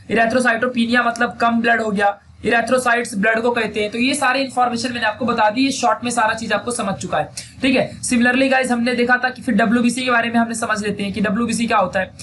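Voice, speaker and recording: A man's voice: very high voice, fairly even intonation, quick pace, a bit bright. A young man teaching biology, asking questions and answering them himself, saying "theek hai" again and again. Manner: quizzes students and answers himself, repeats key terms. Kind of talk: fast-paced classroom lecture. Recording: faint background noise.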